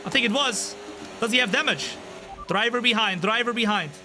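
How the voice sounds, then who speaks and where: A sim racing streamer in his twenties commentates live on a racing game at a moderate pace, chatting with viewers. He gets excitable and jumps high when the race heats up, then turns laid-back between moments, with race car engines and game music behind him.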